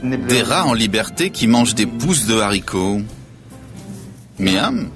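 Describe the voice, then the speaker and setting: An actor voicing a squeamish, self-mocking travelling chef in a dubbed documentary, casual and wry. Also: male voice, fairly low pitch, very animated, takes it slowly, music in the background, full character voice.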